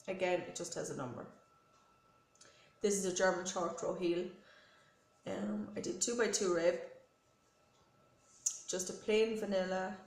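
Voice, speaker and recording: This woman's voice is gravelly and on the low side. She hosts a knitting podcast while sick with a head cold, chatting casually and rambling through show-and-tell with lots of ums and self-corrections, in a recording with roomy echo and faint noise.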